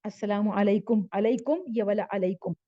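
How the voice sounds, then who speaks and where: A woman teaching Arabic grammar in a slow spoken lesson, patiently repeating each word form with its meaning. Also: medium pitch, fairly even intonation, mellow, dry recording, lo-fi sound.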